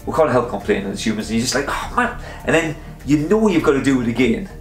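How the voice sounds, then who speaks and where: A man's voice: mid-range voice, animated, fast talker. Man vlogger, rambling and chatty, roomy echo, faint guitar music behind. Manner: chatty, meandering, self-interrupting with fillers. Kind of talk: casual rambling talk to camera.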